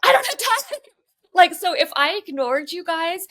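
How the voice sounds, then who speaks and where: Very high-pitched and extremely animated, her voice comes across bright and forceful at a moderate pace. Co-hosting a podcast at home near Los Angeles, she spins a chatty, meandering tale packed with "like."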